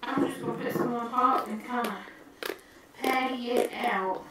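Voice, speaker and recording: A woman's voice: on the high side, steady tone, moderate pace, crowd noise. A woman casually demonstrating cooking as a home cook, recorded in an echoey kitchen at a distance from the mic, with music behind.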